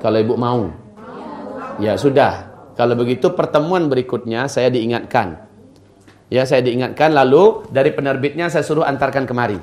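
A man's voice: medium pitch, normal speed, a little mellow. A middle-aged man giving an informal religious lecture. He answers questions from the audience and often speaks directly to the women listening. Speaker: Islamic preacher.

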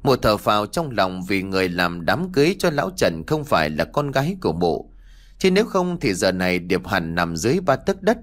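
A male storyteller reading an audiobook. His delivery is expressive and lively, rising and falling freely in pitch as the tale unfolds. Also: a little fast. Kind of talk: audiobook narration.

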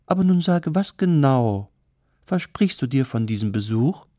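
A man's voice: medium pitch, lively intonation, normal speed, mellow, no room sound, clean studio sound, voice pushed up, close to an everyday voice. A man voicing a gossipy, fawning matchmaker of unclear sex in a storybook reading. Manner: fawning, wheedling.

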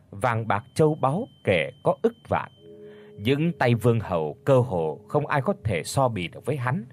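Husky man telling a dramatic tale. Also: medium pitch. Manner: expressive, dramatic. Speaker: storyteller. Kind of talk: dramatic storytelling narration.

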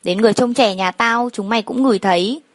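A woman's voice: on the high side, fast talker, no echo, natural voice. A woman voicing a menacing male gang boss who speaks in curt threats.

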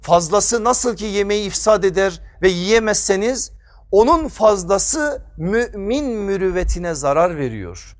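This is a man giving a sermon from behind a pulpit microphone. His voice sits high, and he drives his points home with emphasis. He asks rhetorical questions and then answers them himself. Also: expressive, a little slow. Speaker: preacher.

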